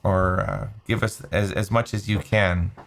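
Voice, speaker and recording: A man hosting a podcast, asking gentle, hesitant questions with many restarts. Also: low voice, a little slow, gravelly. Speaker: podcast host. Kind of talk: casual interview.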